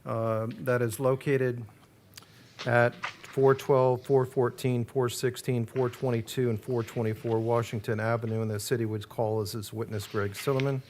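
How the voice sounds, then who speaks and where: A man's voice: medium pitch, level tone, normal speed, a little mellow, a little hiss or hum. An American man speaking as a city attorney, explaining procedure and questioning in plain, fairly informal words. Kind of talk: legal explanation and witness questioning. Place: public hearing room.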